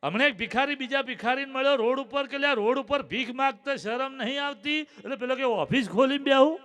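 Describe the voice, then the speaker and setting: High-voiced comedian joking on stage. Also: male voice, fairly quick, fairly bright tone. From Gujarat. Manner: chatty, acts out both sides of each joke's dialogue. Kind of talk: stand-up jokes at a folk stage show. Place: stage at a late-night live event.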